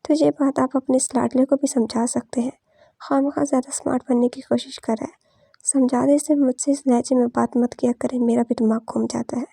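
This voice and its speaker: A woman's voice: high voice, fairly even intonation, brisk, creaky, warm tone, breathy edge, dry recording, clean studio sound, heavily acted. A woman reading as a furious, defiant young woman. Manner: scolding, defiant. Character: angry, sharp-tongued young woman.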